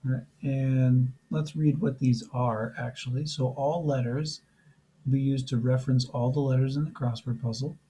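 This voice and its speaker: A man who is losing his voice, teaching a programming lesson step by step in a relaxed way with frequent fillers. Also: medium pitch, normal speed, a little hiss or hum, rough recording. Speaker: programming instructor. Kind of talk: screen-recorded coding tutorial.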